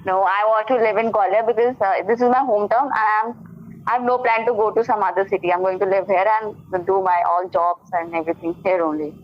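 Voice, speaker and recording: A young Indian woman, a student, does conversation practice over a dull, lo-fi video call. Her mid-range voice stays fairly even in intonation and moves a little fast. She sounds polite, eager and hesitant, using plenty of fillers.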